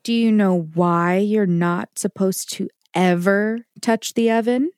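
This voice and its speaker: Woman doing a soft reassuring mom talking to her kid, kids show. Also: medium pitch, takes it slowly, clean tone, no echo, studio quality, lightly acted. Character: caring mother, warm and reassuring. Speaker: mother.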